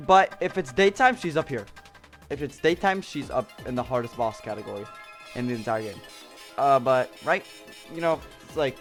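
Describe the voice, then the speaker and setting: A young man casually ranking game bosses at home, rambling with lots of fillers and restarts, a bit out of breath. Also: on the high side. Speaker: gaming youtuber.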